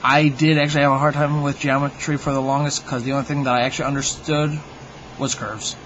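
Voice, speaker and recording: A man's voice: medium pitch, level tone, fast talker, fairly bright tone, dull audio, a little hiss or hum. A man hosting his own video, delivering a humorous monologue to viewers in a wry, mock-opinionated, tongue-in-cheek way. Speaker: video host.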